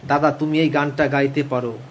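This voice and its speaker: A man who sings devotional hymns slowly and breaks off to explain them casually to listeners. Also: a little high, little pitch movement, a little hiss or hum. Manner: chants slowly, then explains casually to viewers. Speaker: devotional singer and reader. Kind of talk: sung hymn recitation with spoken commentary.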